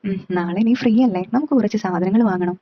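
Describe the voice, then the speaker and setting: A woman's voice: medium pitch, brisk, a little hiss or hum, lightly acted. A woman reading as a teasing, playful aunt. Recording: slightly dull, dry recording.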